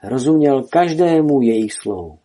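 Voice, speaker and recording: Husky, dark-voiced male storyteller. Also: mid-range voice, animated. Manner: dramatic storytelling. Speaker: narrator. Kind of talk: storybook reading.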